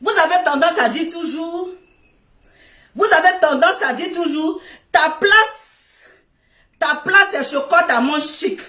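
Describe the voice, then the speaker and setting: A high-pitched middle-aged woman with a West African French accent rants on a phone live stream, loud and laughing as she scolds. Her voice sits back from the mic in an echoey room. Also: slow pace, long pauses, recorded from a distance. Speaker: Facebook live host. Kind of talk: Facebook live rant.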